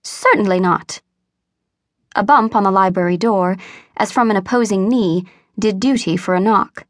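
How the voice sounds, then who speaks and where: Brief: female audiobook narrator, mid pitch, measured storytelling, dry booth sound. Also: no room sound.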